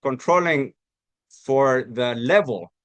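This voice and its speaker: A man's voice: mid-range voice, slow pace, no echo. A man from Costa Rica giving an academic research talk, explaining step by step with many restarts and repeated words. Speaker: academic presenter.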